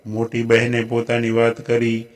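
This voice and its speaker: Flat-voiced man narrating a folk tale. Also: medium pitch, normal speed. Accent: Gujarati. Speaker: storyteller.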